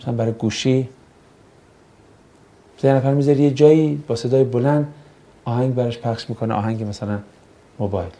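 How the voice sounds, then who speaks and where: Warm and steady, the mid-range voice of a religious studies teacher pauses often as he teaches. He keeps the class lively with jokes, banter, and questions for his students.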